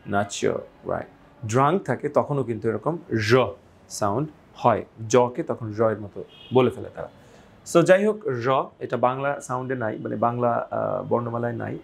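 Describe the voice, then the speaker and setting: A man's voice: medium pitch, vocal fry, husky. A man from Bangladesh teaching English pronunciation, who stretches out the example words and often checks with "right?". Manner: drawn-out model pronunciations, frequent "right?". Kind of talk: slow explanatory lesson.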